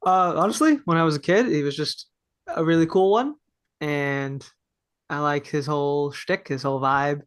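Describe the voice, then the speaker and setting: A man's voice: fairly high pitch, moderate pace, clear, resonant tone, dry recording. A man in his early twenties from Texas, answering a podcast interview in a thoughtful, earnest way with a few fillers. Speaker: podcast guest. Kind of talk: casual interview chat.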